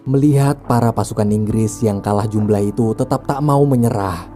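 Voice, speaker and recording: A man's voice: mid-range voice, mellow. A man reading a scripted film recap as a narrator, in a storytelling style with casual asides. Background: background music.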